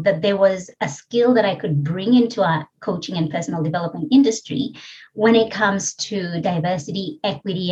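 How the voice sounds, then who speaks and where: Through a muffled recording, a medium-pitched voice belongs to a middle-aged woman from Kenya, speaking with a Kenyan accent. As a podcast guest in an interview, she reflects earnestly on her story, using plenty of fillers.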